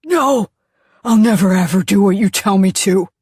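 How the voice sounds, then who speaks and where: A woman voicing a cornered middle-aged father who yells and refuses, then breaks down. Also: sits low, measured pace, breathy edge, dry recording, clean studio sound, exaggerated voice. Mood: desperate.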